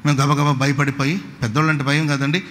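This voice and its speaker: Higher-voiced male pastor in an echoing hall. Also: flat delivery, fast talker, a bit bright. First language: Kannada. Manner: emphatic preaching, calls the congregation to respond aloud; storytelling with many repeated phrases. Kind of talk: sermon. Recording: long hall reverb, faint background ambience.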